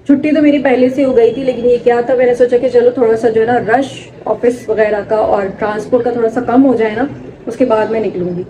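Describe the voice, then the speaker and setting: A woman's voice: on the high side, warm tone, a little hiss or hum, rough recording. A young woman, chatting casually to her phone camera as she walks through her home. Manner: chatty, talks straight to camera. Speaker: vlogger. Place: home rooms and kitchen, indoors. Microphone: phone camera at arm's length.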